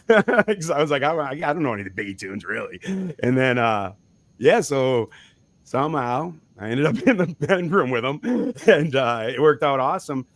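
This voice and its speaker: A man's voice: on the high side, no room sound. A man being interviewed about his band, talking loosely with frequent restarts and small laughs. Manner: rambling, chuckling, frequent restarts. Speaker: musician guest. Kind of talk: casual interview talk.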